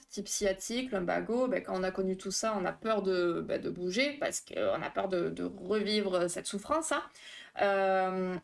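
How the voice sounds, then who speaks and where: A woman therapist hosting a live stream, explaining phobias in a chatty, casual way with many fillers and asides to her chat. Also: mid-range voice.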